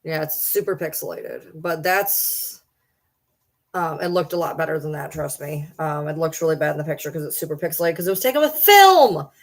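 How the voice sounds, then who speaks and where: A woman's voice: deep voice, animated, a little fast. A woman in her early forties chatting casually on a live stream, rambling and answering viewer comments. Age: 40s. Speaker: livestreamer.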